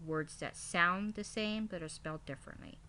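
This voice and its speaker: Female teacher, low voice, scripted classroom presentation delivered item by item, slightly noisy home-made recording. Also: moderate pace, sharp tone. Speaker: kindergarten teacher. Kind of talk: scripted presentation, reading out a lesson plan.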